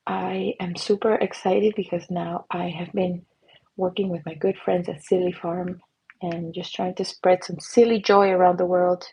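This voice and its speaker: A woman with a fairly low, level, mellow voice and a slight roughness talks at a normal pace on a low-quality recording. As a livestream host and face painter, she chats with viewers in a bubbly, giggly way while painting.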